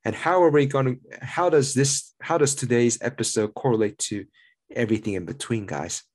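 A man talks casually as a podcast co-host. His voice sits at an average male pitch. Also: a little fast.

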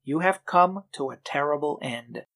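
A man reading scripture aloud in a measured, scripted way, pausing through long lists. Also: on the high side, creaky, a bit bright. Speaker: scripture reader.

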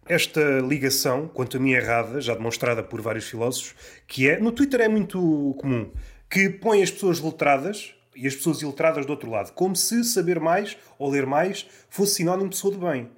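A man with a European Portuguese accent, speaking reflectively and in measured terms in a podcast chat, often citing writers. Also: a little high, lively intonation. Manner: reflective, measured, fond of quotations.

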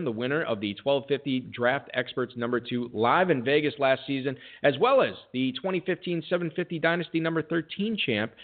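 A man hosting a fantasy football talk show, reading promos with jokey, self-deprecating patter. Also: mid-range voice. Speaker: podcast host. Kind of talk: casual sports radio talk. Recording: tinny phone-like audio.

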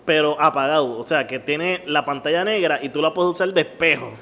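A man with a Puerto Rican accent co-hosting a casual podcast chat, animated and swearing freely. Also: fairly high pitch, brisk, long reverb tail, very noisy. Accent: Puerto Rican Spanish. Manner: animated, swearing, acts out old ladies in his stories. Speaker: podcast co-host.

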